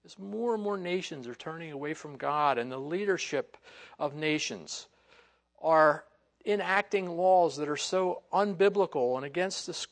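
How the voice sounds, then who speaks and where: Gravelly folksy male preacher. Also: fairly high pitch, moderate pace. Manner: conversational, folksy, many "you know" fillers. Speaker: pastor. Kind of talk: expository sermon.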